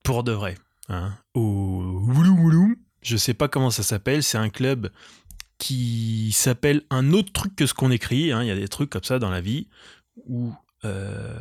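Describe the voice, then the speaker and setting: A man's voice: medium pitch, expressive, a little slow, no room sound. Rambling, self-mocking male comedian, dry sound. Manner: digressive, self-mocking, crude. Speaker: comedian and podcast host. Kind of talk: rambling comic monologue.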